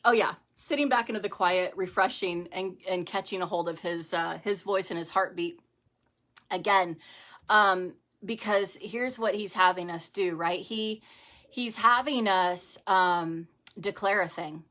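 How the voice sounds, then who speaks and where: A middle-aged woman with a fairly low, sharp-toned voice speaks unhurriedly. As a ministry host, she leads a live-streamed devotional talk from home in a conversational way, using lots of fillers and repeating phrases.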